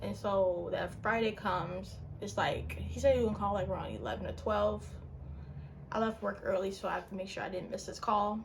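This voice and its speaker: A young woman casually telling a personal story on her channel, her voice jumping up in pitch and full of "like" fillers. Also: brisk, creaky, a little hiss or hum. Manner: animated, with big pitch jumps and frequent "like" fillers. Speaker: vlogger.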